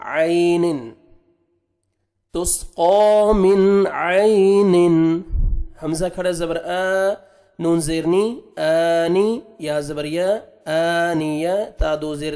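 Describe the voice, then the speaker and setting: A man teaching Quran recitation, patiently spelling out letters and sounds, then drawing out each recited word slowly. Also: fairly high pitch, mellow. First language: Urdu.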